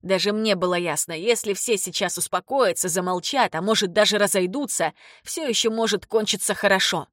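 A woman reading first-person audiobook narration in a steady, measured way. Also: medium pitch, no room sound, clean studio sound. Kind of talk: scripted narration.

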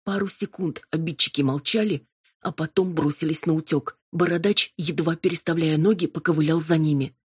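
Steady woman audiobook narrator, low and husky, dry recording. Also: moderate pace, dry recording. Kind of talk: scripted first-person narration.

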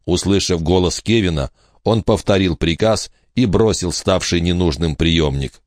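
A man narrating a horror audiobook in a measured, steady storytelling manner. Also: low voice, no room sound, studio quality.

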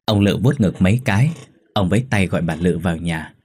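Một người đàn ông đọc truyện ma theo kịch bản, giọng đều đặn, chậm rãi. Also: male voice, low-pitched, a little fast, a little mellow, husky. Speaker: ghost story narrator. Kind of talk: scripted audiobook narration.

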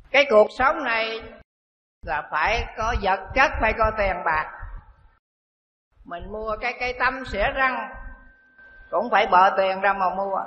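Male monk, high voice, slow repetitive sermon delivery; echoey hall recording. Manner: slow storytelling with repeated phrases. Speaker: Buddhist monk teacher. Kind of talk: dharma talk sermon. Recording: dull echoey hall recording with faint hiss.

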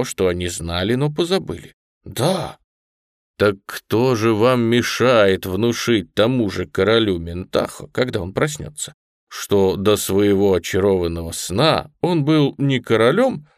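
A wise straw scarecrow, low-voiced and unhurried, who lets gentle mockery slip into his explanations, played by a man. He speaks with weight and lively turns of pitch. The reading is close and dry. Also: no room sound. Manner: weighty, mocking. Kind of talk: audiobook character reading.

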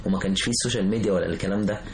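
A man's voice: low voice, racing, a crowd in the background. A man with an Egyptian Arabic accent chatting casually as a guest in a conversational way. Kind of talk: casual chat. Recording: roomy echo.

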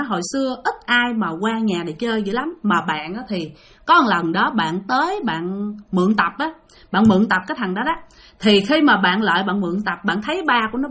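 A woman's voice: on the high side, fairly bright tone. Chatty Southern Vietnamese woman storyteller. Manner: chatty, addresses listeners directly. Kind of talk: telling listener-sent ghost stories.

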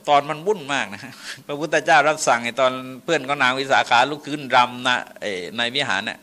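Bright-voiced monk giving a folksy sermon. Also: male voice, mid-range voice, fairly quick. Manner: folksy, laughing asides, chanting Pali verses. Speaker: Buddhist monk preacher. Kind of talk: dharma sermon.

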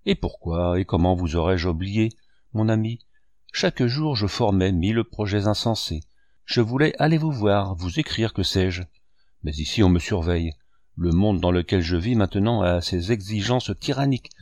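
A man's voice: low-pitched, normal speed, a little mellow, dry recording, natural voice. A man reading a novel aloud, voicing a young woman who is anxious and pleading with emotion.

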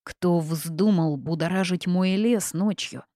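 A woman's voice: mid-range voice, big pitch swings, normal speed, creaky, darkish tone, no echo, studio quality. A woman voicing a stern, angry male forest spirit in an audiobook, speaking in a menacing, commanding way.

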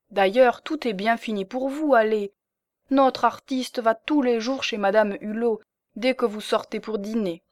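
A woman reading an audiobook, voicing a scheming young married woman who talks in a coaxing, lively way. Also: medium pitch, no echo, natural voice.

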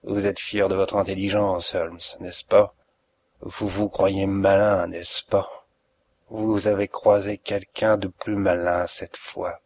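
A man voicing a cruel, mocking middle-aged villain in an audiobook reading, with a gravelly, husky voice and a slow, deliberate delivery. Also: deep voice, little pitch movement, darkish tone, full character voice. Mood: gloating. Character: cruel sneering male planter, middle-aged, gloating.

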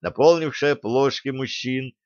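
A man reading a story aloud as scripted audiobook narration, measured storytelling. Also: mid-range voice, dry recording. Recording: dull dry recording.

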